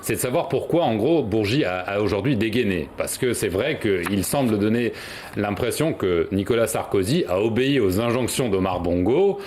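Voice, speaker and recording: A man with a low voice giving news analysis as a studio journalist. He stumbles, hesitates and repeats words as he explains. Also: lively intonation, normal speed, a little mellow, slight background noise.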